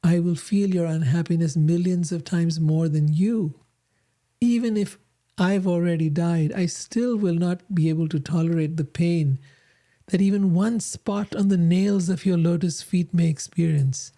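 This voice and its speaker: A reader lending a plain voice to a lovesick young goddess, imploring and devoted, begging her beloved to return. The tone sits low and dark, with a gravelly fry at the phrase ends. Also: steady tone, unhurried, natural voice. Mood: pleading.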